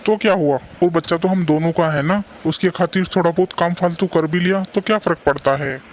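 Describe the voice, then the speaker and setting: A man's voice: on the high side, a little fast, a little hiss or hum, close to an everyday voice. A man playing an earnest poor young husband. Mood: reassuring. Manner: earnest, sometimes despairing. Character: poor young male junk seller, caring and hopeful. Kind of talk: cartoon voice acting.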